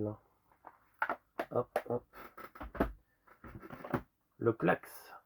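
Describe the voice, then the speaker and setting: A man with a rusty, hoarse voice worn by a lingering cough, casually presenting a collection in an informal, rambling show-and-tell. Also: medium pitch, noisy background. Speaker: retro game collector presenting a sale.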